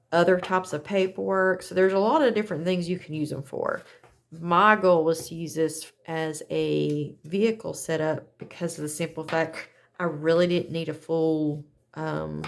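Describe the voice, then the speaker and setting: A woman's voice: low voice, vocal fry. A woman chatting casually as she demonstrates a craft setup, talking in a folksy way and correcting herself as she goes. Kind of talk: casual how-to chat.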